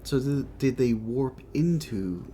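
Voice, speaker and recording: A man's voice: medium pitch, animated, takes it slowly, mellow, a little hiss or hum. A man doing casual let's play commentary, thinking aloud, with a whistling s from a chipped tooth. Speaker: gaming host.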